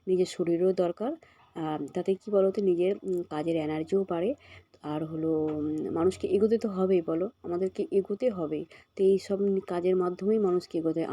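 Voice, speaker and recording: A woman in her thirties talks through her evening chores in a relaxed vlog at home. Her voice sits fairly low and stays level, and it is hoarse from a cold. She speaks softly and unhurriedly, with plenty of ums. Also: dry recording. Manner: soft and unhurried, with many fillers. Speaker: vlogger. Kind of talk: casual vlog narration. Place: home, indoors.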